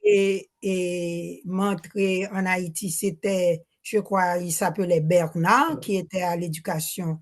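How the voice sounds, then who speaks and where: Low-ish and fairly even in intonation, she speaks slowly with hardly any pauses. She is an older woman from Haiti with a Haitian accent, an audience member asking a question at a public Q&A via handheld microphone, hesitant, often restarting and mixing Creole words into her French.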